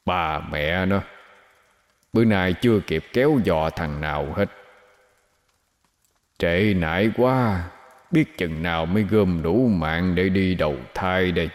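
A man voicing a greedy male water ghost that grumbles to itself in a hushed mutter. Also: deep voice, slow pace, long pauses, big-room sound. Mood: grumbling mutter.

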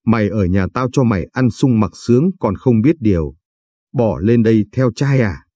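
A man's voice: fairly low pitch, lively intonation, normal speed, warm tone, husky, no room sound. A man reading the part of a brash young husband who swears and bullies. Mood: threatening. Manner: coarse, swearing and bullying.

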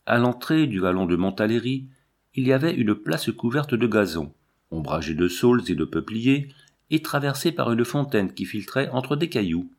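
A man narrates a classic novel for an audiobook at a middle pitch. His delivery is measured and even, and he drops his voice a little for the quoted lines. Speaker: audiobook reader.

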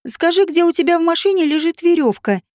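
A woman voicing an excitable young woman with a ringing, bold voice. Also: high-pitched, brisk, dry recording, studio quality. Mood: excited.

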